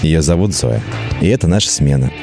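Very deep-voiced man over guitar. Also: expressive, fairly quick. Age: 30s. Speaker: podcast host. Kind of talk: scripted podcast promo.

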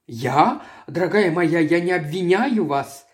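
A man's voice: fairly high pitch, lively intonation, measured pace. A man voicing a haughty, jealous aristocratic woman who mocks and sneers, in an audiobook reading. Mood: mocking. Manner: mocking, sneering.

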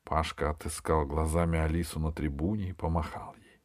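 A man narrating a children's adventure audiobook in a lively storytelling read. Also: a bass voice, brisk, no room sound. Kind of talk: scripted narration.

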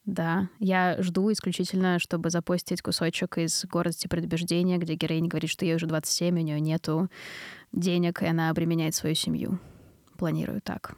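A woman in her twenties, a film producer guesting on a podcast, introducing herself quickly and wryly. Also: lowish voice, level tone, darkish tone, no echo, clean studio sound. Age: 20s. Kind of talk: casual podcast chat.

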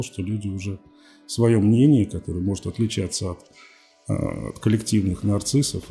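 A man's voice: on the low side, dark tone. A man in his forties, a TV journalist speaking as a podcast guest, talking candidly and with a defiant, wry edge. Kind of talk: candid interview talk.

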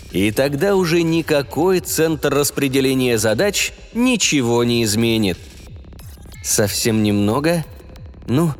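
A man narrating a scripted science fiction story in a dramatic, expressive way. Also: medium pitch. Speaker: audiobook narrator. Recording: long reverb, music behind.

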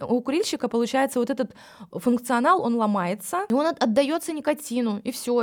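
A woman, a psychologist, explaining things in a podcast, speaking frankly and addressing the listener directly. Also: on the high side.

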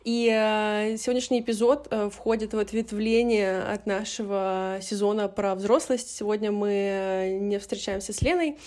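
A woman's voice: medium pitch, fairly even intonation, normal speed, few pauses, darkish tone. A woman in her late twenties hosting a podcast, chatting casually with many fillers and hesitations. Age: 20s. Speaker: podcast host.

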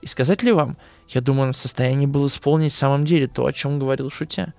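A man's voice: medium pitch, steady tone, fast talker, creaky, darkish tone, dry recording, faint music behind, lightly acted. A man reading aloud as a plain-spoken older army captain telling a story. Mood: wistful.

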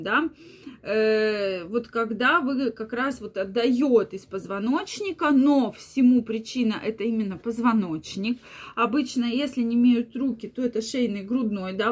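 A woman giving an explanatory health talk to viewers, often adding filler words like "yes" and "that is". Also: fairly high pitch. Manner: frequent fillers and repeated "yes", "that is". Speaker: health adviser.

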